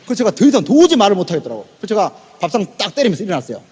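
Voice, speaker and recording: High, lively man with hall echo. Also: very fast, husky. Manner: animated, acts out quoted dialogue, bursts into shouts; hot-tempered. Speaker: sales business presenter. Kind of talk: motivational storytelling talk to an audience.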